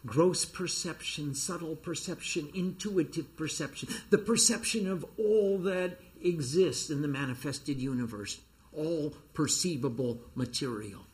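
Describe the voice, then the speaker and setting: A man with a somewhat high voice guides listeners through a scripture reading, setting each invocation out slowly and evenly. Between the verses he drops into plain explanation of the terms, like a teacher addressing a small class. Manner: slow, measured recitation of invocations. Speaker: spiritual teacher leading a reading. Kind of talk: reading scripture translation with commentary.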